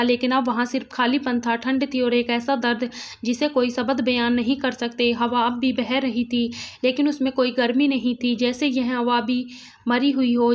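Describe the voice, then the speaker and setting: Woman narrating an emotional ghost story. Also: fairly high pitch.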